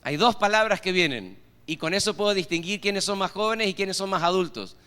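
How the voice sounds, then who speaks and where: Preaching in a church hall that reverberates, this pastor with an Argentine Spanish accent keeps posing rhetorical questions to his congregation. He speaks fairly quickly in a high, bright, forceful yet smooth voice.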